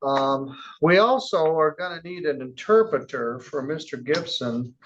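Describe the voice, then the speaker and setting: A man presiding as a judge in a courtroom, reading charges in a measured, formal way with casual asides. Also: fairly high pitch, lively intonation, a bit bright, dull audio. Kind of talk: courtroom proceedings.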